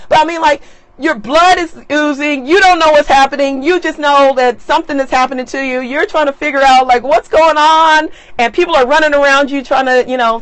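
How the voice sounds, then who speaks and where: A woman's voice: sits high, no room sound. Chatty, laughing woman live-streaming. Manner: chatty and laughing, lively animated asides. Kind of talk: casual live-stream talk. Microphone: tablet mic.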